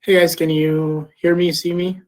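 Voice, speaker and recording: A man's voice: fairly high pitch, level tone, unhurried, poor audio. A young man from Venezuela speaking as a panel guest over a video call, hesitant, with many ums and restarts. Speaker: panel guest, chapter treasurer. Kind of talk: casual panel talk.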